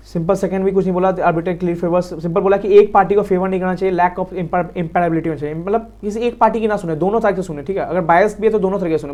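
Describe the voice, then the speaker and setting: A man with an Indian accent giving a quick exam revision lecture on law, talking fast and repeating key points to his students. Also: high voice, a little mellow. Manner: quick, repetitive, addresses students as sir. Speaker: law teacher.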